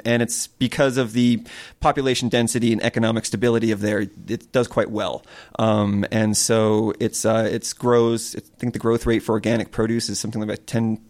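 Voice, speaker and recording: Man, farm owner, from Connecticut, low voice, flat delivery, earnest. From Connecticut, USA. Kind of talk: interview answers.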